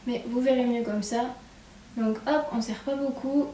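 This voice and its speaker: A woman's voice: a little high, moderate pace, distant mic. Chatty young woman demoing hair, echoey room. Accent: regional French accent with a marked "hein". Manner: chatty, relaxed, lots of "hop" and "voilà" while working. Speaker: hair tutorial presenter. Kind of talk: casual how-to demonstration. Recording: echoey room, speaker away from the mic, faint background noise.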